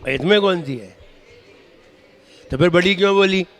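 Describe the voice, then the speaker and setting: A Jain monk teaching correct recitation, correcting syllables and chanting verses in a slow drawn-out way. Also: male voice, sits high. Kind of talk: pronunciation lesson with chanting. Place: temple hall. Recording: reverberant hall.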